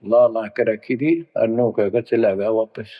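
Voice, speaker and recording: A male preacher tells a sermon story at an unhurried pace and speaks to his listeners as children. His voice sits in a middle register. The recording is muffled and lo-fi, with a long hall echo trailing each phrase. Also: on the low side, steady tone. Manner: addresses listeners as children, slow deliberate storytelling. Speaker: spiritual preacher. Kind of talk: storytelling sermon with chanted verses. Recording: reverberant, dull lo-fi recording.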